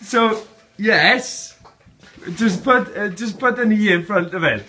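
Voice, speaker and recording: A man's voice: high voice, slow, sharp tone. A man in casual banter, giggly and coaxing as he films on a phone. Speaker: person filming a prank on a workmate. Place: indoors, unfinished building site room. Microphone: handheld phone. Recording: noisy phone recording.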